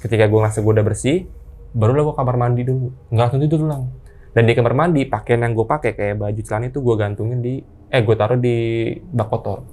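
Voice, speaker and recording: A man, casually recounting a ghost story as a guest, halting and unhurried with slangy asides. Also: medium pitch, dark tone.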